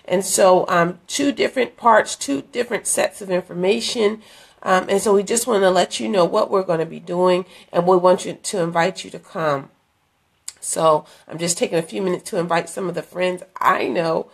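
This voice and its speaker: A middle-aged ministry leader, hoarse from a cold, speaks into a phone held at arm's length in a dim room, casually inviting live-stream viewers to an event. She's chatty and earnest, with many fillers and restarts, and her voice is on the low side at a normal speed.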